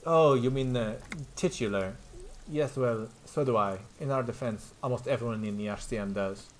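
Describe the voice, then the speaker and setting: A man voicing a calm, measured adult lieutenant in a detective video game, in a quiet, even reading voice. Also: medium pitch, a little hiss or hum, natural voice.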